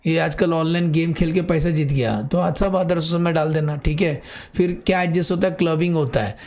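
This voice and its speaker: A man in middle age with an Indian accent gives a tax lecture in a voice pitched a little above the usual for men. He talks to students as "beta", quizzing them and answering himself. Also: a little mellow. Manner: addresses students as "beta", asks and answers his own questions. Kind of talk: classroom lecture.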